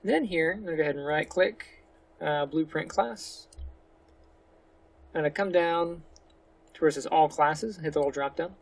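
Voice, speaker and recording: A man hosting a casual screen-recorded game development tutorial, his voice gravelly and pitched a touch high. He speaks relaxed and a little slurred, talking through each click with easy fillers. He sounds close to a desktop mic. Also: normal speed, pauses often. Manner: relaxed, slightly slurred speech; talks through each step with fillers like "go ahead".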